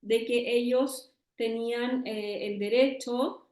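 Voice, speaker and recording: A woman's voice: a little high, steady tone, takes it slowly, darkish tone, reverberant. A Chilean woman with a Chilean Spanish accent, earnestly explaining as an interview guest, often checking with tag questions.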